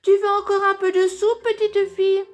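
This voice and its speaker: A woman's voice: extremely high pitch, level tone, normal speed, faint music behind, pitched above the performer's own voice. Woman doing a piercing tiny baby bear. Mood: shrill. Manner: piercing little voice.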